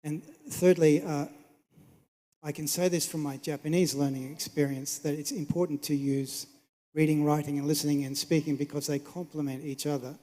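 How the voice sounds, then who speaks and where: In a reverberant hall, a man with a mellow, fairly high voice presents an academic talk. He explains things in a measured, polite way. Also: little pitch movement. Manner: measured, polite, checks on listeners. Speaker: conference presenter. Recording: echoey hall with long reverb.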